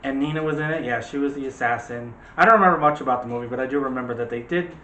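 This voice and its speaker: A man co-hosts a movie discussion, chatting casually with jokes and digressions, at a very fast clip. His voice is medium-pitched with a sharp tone. The recording carries a roomy echo and faint background noise.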